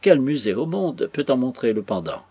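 A man doing a smooth, flattering gentleman. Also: medium pitch, moderate pace, no echo. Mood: ingratiating. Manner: polite, ingratiating. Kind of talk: audiobook character voice.

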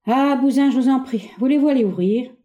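A woman reading a stage play aloud, voicing a haughty, exasperated middle-aged gentleman with sharp, condescending exclamations. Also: high-pitched, fairly quick, muffled recording, voice pushed up, close to an everyday voice.

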